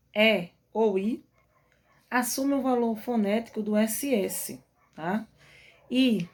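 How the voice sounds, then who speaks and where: A middle-aged woman with a Brazilian accent, recording a remote lesson for young pupils. She talks patiently and clearly, moving step by step through the material. She keeps checking that the children follow along. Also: fairly high pitch, a little mellow. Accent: Brazilian Portuguese. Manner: patient, explanatory, frequent checking "tá?". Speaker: primary school teacher.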